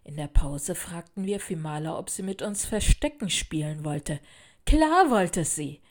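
A woman narrating a children's storybook in a clear, even storytelling manner. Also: low voice, measured pace.

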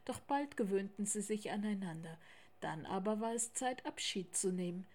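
A woman reading a children's story aloud in a slow, clear, measured way. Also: medium pitch, animated, a little mellow.

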